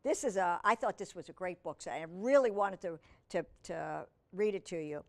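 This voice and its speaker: Hosting a children's storytime, a woman reads a picture book aloud with lots of expression, tossing in chatty asides and questions for her young viewers. Her voice sits on the low side and moves at a normal speed.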